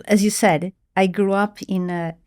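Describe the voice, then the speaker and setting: A middle-aged Portuguese woman, a marketing executive appearing as an interview guest, tells her life story earnestly. Her medium-pitched, slightly mellow voice stays steady and measured, though she often restarts hesitantly.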